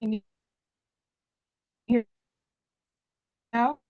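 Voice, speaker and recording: A woman on a video call whose voice keeps breaking up and cutting out over a choppy connection. She speaks slowly and haltingly. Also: on the high side, steady tone. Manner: slow, halting speech. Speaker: online meetup participant. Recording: dull lo-fi video call audio.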